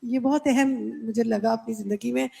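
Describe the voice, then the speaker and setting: A woman taking part in a class speaks in an earnest, reflective way. Her voice is high but dark, with a creaky, husky edge. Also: fairly even intonation. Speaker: class participant.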